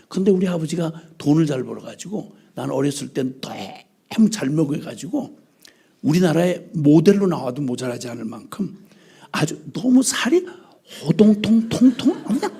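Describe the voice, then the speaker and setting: An older man preaching at a church revival meeting, telling humorous stories and mimicking his mother's scolding with lively, joking energy. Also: a little high, breathy edge. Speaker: missionary preacher. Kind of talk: humorous sermon storytelling.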